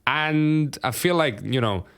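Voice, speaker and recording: A young Romanian man co-hosts a podcast, chatting casually in an animated, sweary style and laughing often. His voice is a little high and his pace a little slow.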